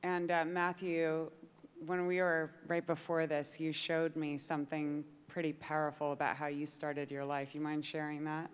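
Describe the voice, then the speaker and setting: A woman with a notably low voice leads an on-stage panel in an upbeat, chatty way, prompting her guests. Her voice carries a long hall reverb from the conference stage. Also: completely flat delivery, moderate pace, clean tone. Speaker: panel moderator.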